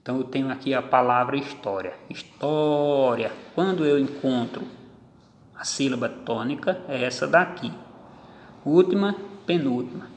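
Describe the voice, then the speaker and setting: A man's voice: mid-range voice, lively intonation. A man teaching a grammar lesson, explaining step by step and counting out syllables one by one. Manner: slow, deliberate, spells out syllables. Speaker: Portuguese teacher. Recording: echoey room with long reverb.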